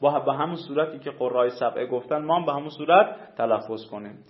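A male teacher giving a classroom lecture on recitation rules, explaining patiently and quizzing his students. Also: mid-range voice. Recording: echoey room, dull lo-fi sound.

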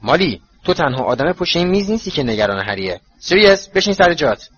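A man voicing a calm, thoughtful grown man in a storybook reading, speaking softly and evenly. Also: on the high side, breathy edge, pitched above the performer's own voice. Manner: soft and even-tempered. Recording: dull lo-fi recording.

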